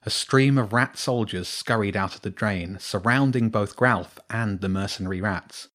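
Man reading a storybook, lowish voice. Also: normal speed, fairly bright tone. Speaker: narrator.

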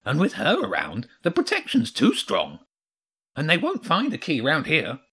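A man putting on a high strained guardian voice. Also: huge pitch swings, moderate pace, a bit bright, breathy edge, full character voice. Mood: reassuring.

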